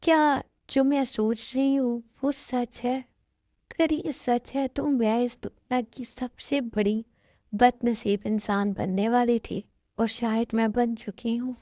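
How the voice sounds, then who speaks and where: A woman's voice: fairly high pitch, fairly even intonation, takes it slowly, dark tone, no echo, studio quality. A woman voicing a heartbroken young woman in an amateur dubbed love story, weepy and pleading. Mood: regretful.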